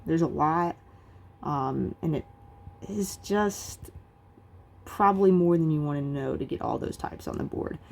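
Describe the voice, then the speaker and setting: A woman's voice: low voice, measured pace, creaky, pauses often, darkish tone. A woman teaching a recorded philosophy lecture in a casual, chatty way, with many fillers and restarts.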